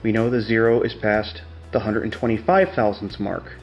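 A man's voice: on the low side, normal speed, faint music behind. Plain-spoken machinist guy, slightly muffled audio. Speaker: tutorial host demonstrating measuring tools. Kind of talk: casual hands-on instructional explanation.

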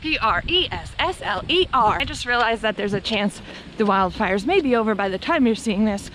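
A woman's voice: medium pitch, expressive, moderate pace. An American woman in her thirties chatting casually to camera while running outdoors, with a wry, sarcastic, sweary manner, recorded on a handheld camera in the wind. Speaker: vlogger. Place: outdoors on a windy country road. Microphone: handheld camera at arm's length. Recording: windy, noisy outdoor action-camera audio.

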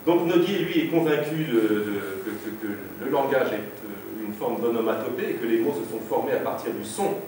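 A man's voice: medium pitch, animated, normal speed, hardly any pauses, darkish tone, a little hiss or hum. A man giving a lecture-performance, speaking hesitantly with many fillers and restarts. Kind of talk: lecture-performance with sound poetry readings. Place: exhibition hall at a foundation. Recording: very echoey hall, distant mic.

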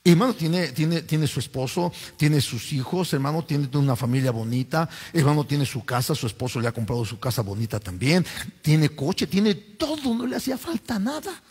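A Mexican pastor preaches with fervor, his slightly high, husky voice climbing into loud appeals and sinking back down. He keeps calling out to the congregation, and his words hang in the long echo of a church hall. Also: animated, moderate pace. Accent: Mexican Spanish. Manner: fervent preaching, often addressing listeners as brother, rising and falling. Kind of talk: sermon.

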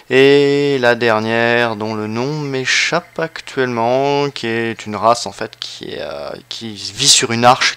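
A man hosting a let's play shows off a strategy game while losing his voice, offering casual, hesitant commentary full of fillers and restarts. His voice is medium-pitched, smooth, and fairly bright.

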